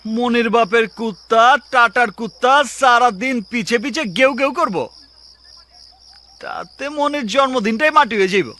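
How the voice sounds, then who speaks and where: Cocky high-voiced Dhaka schemer. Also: male voice, normal speed, sharp tone. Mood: cocky, scheming. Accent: Old Dhaka Bangladeshi. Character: cocky, scheming street-smart young suitor. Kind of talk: comic film dialogue.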